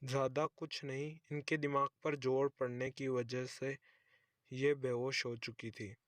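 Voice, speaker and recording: A man voicing a calm, reassuring middle-aged male doctor in a cartoon story. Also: mid-range voice, a little slow, dry recording, natural voice.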